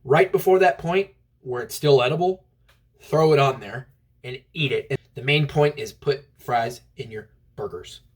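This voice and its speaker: A young man telling offbeat, absurd stories in a rambling deadpan comedy monologue. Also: medium pitch, normal speed, slightly rough.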